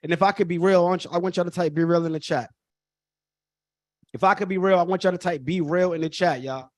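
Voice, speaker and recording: A man's voice: sits high, steady tone, fast, dry recording, clean studio sound. A man, hosting a live online workshop in an emphatic, repetitive way and calling the audience y'all. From Brooklyn. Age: 30s. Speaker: workshop host.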